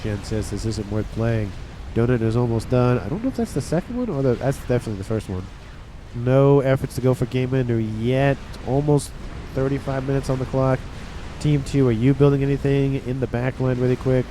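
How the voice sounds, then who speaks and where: There's a little hiss or hum under this man's medium-pitched, fairly quick delivery. Nasal and congested from a cold, he's a game caster chatting casually with viewers about a strategy game, relaxed and rambling throughout.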